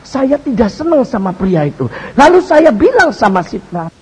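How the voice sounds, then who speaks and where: A man's voice: very high-pitched, very animated, moderate pace, a little mellow, breathy edge, rough recording. An older man preaching, telling a joking family story and often addressing the congregation directly. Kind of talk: humorous storytelling sermon.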